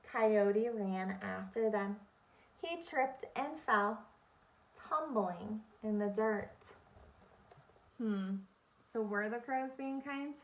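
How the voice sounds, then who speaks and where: In a mid-range voice, a woman acting as an elementary teacher leads young children through an interactive read-aloud. Her delivery is deliberate and teaching-focused, with key phrases and questions repeated.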